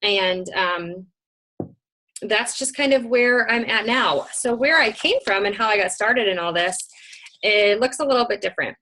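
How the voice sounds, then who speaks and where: A woman's voice: medium pitch, animated, measured pace, sharp tone, a little hiss or hum. A young woman from Michigan hosting a casual webinar, chatty with many ums, slightly out of breath, speaking into a computer mic at home. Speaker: webinar host. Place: home room.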